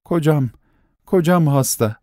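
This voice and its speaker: A woman's voice: lowish voice, fairly quick, darkish tone, no room sound, clean studio sound, voice pushed up, natural voice. A man voicing a desperate young wife who frantically begs a doctor to come. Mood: pleading. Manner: pleading, frantic, insistent.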